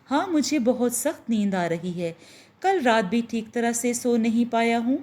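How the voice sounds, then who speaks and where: A woman reading the lines of a lovestruck, uneasy young man in a storybook, in an earnest, slightly lowered voice. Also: a little slow, a little mellow, lightly acted.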